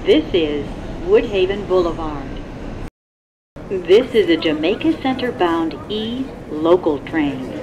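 A woman's recorded announcement calling out stations over a train loudspeaker, measured and evenly paced. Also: fairly low pitch, animated. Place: inside a moving subway train. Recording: muffled, loud train noise behind.

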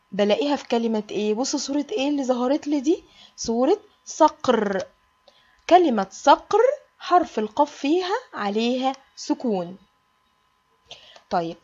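A woman's voice: sits high, dull audio. A woman with an Egyptian Arabic accent, teaching a kindergarten alphabet lesson in a sing-song way and stretching out the letter sounds for small children.

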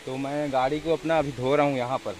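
A young Indian village vlogger with a Chhattisgarhi accent chats casually to camera outdoors in a rural village, holding his phone at arm's length. His voice is mid-range with fairly even intonation, he talks fairly quickly, and there's slight background noise.

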